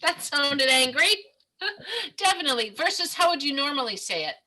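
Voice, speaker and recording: A woman's voice: high voice, sing-song, moderate pace, sharp tone, rough recording. A woman leading an improv workshop over a video call. She is encouraging and upbeat, and she laughs often. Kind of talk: leading a group exercise.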